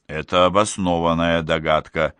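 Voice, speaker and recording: A man's voice: low voice, fairly even intonation, moderate pace, fairly bright tone, clean tone, dry recording, voice pushed down. A man reading the part of an earnest, insistent young man in an audiobook, pressing his case with urgent pleading. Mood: reasoning.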